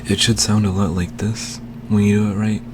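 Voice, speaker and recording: A man slowly explaining a speaking technique in a casual home tutorial, recorded on a desk microphone. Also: lowish voice, little pitch movement, background noise. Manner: slow, unhurried, talking while demonstrating. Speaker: language learning vlogger.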